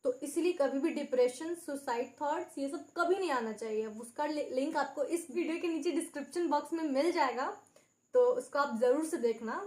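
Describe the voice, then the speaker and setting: A woman's voice: high-pitched, moderate pace, a little mellow. A woman co-hosting a casual chat about horror stories, mixing English words into her talk. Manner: chatty, mixes English words into Hindi. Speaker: co-host. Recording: roomy echo, music underneath.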